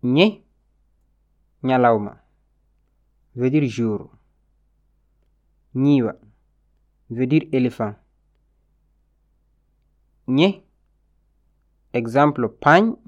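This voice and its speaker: A man teaching a language lesson, reading letters and word pairs slowly and deliberately, one by one. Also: medium pitch, dull audio. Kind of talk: slow instructional reading of word lists.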